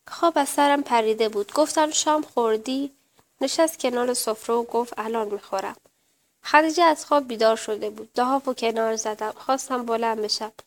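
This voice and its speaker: Woman reading a heartfelt memoir. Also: on the high side. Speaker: narrator. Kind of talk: first-person story reading.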